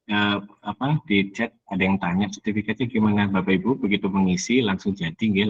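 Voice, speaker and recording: A man moderates an online question round, politely calling on each speaker by name. His voice sits low and a little husky, and it comes through muffled over the call audio. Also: fairly bright tone. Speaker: webinar moderator. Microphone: video call.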